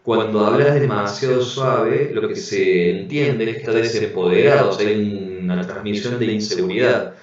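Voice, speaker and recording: A man with a Rioplatense Spanish accent giving an online class, explaining calmly and often checking in with tag questions, heard over a video call. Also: on the low side, normal speed, hardly any pauses. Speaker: instructor. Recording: very echoey, dull lo-fi audio.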